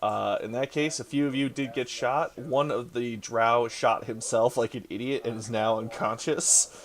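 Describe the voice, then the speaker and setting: A man runs a tabletop game as dungeon master, joking with his players and laughing often. He speaks over a computer mic on a voice call, at an ordinary middle pitch. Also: fairly even intonation, normal speed.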